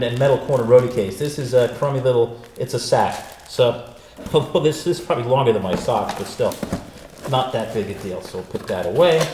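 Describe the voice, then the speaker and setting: A man's voice: medium pitch, darkish tone. A chatty man from the United States hosting a casual unboxing, exclamatory and wisecracking, recorded in stereo in a reverberant room. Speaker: host and gear reviewer. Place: untreated echoey room indoors. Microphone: stereo pair of studio microphones. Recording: big echoey room, clear reverb, faint noise.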